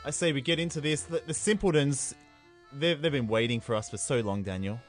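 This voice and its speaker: A man's voice: medium pitch, fairly quick, faint music behind. A man co-hosting a podcast over a call, playful and theatrical, sometimes slipping into a mock-sinister tone. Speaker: podcast co-host. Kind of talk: casual comedic chat. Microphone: remote call.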